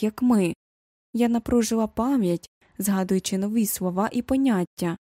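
A woman reading a first-person novel aloud as an audiobook narrator, measured and reflective. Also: mid-range voice, mellow, no room sound, clean studio sound.

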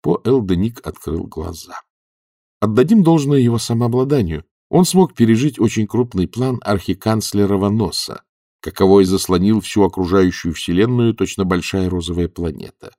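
A man narrating an audiobook in an expressive, wry manner. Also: on the low side, moderate pace, dry recording, studio quality.

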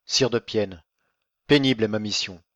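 Rôle : un homme faisant un huissier gêné, voix basse ; prise sèche, un peu terne. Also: male voice, moderate pace, fairly bright tone, dry recording, highs cut off, natural voice. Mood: ashamed. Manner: low, ashamed delivery.

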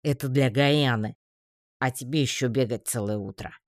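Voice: mid-range voice, no echo, studio quality, lightly acted. A reader voicing a whining male orc cook in an audiobook. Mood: whiny. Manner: whining, slow.

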